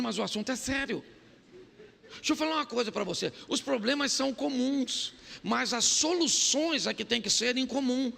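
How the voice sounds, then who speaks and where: A man preaching a humorous sermon as a pastor, animated and often quizzing the listeners. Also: very high-pitched, gravelly, long reverb tail. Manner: animated, joking, asks the crowd "sim ou não?".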